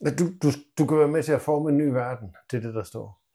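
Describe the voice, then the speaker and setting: A man's voice: mid-range voice, mellow. A man, co-hosting a podcast in casual banter and telling joking stories. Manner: joking, teasing, playful storytelling. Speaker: podcast co-host.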